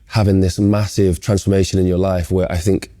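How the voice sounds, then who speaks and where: A man hosting an interview, talking earnestly with many halting restarts. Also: low-pitched, flat delivery, mellow. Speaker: interview host. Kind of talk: casual interview conversation.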